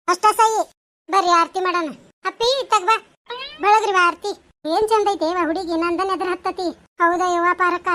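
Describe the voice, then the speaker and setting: A woman's voice: very high voice, bright, forceful tone. A woman with a North Karnataka Kannada accent voicing chatty, bossy village women at a wedding in a cartoon, talking in a teasing, gossipy way. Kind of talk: cartoon voice acting.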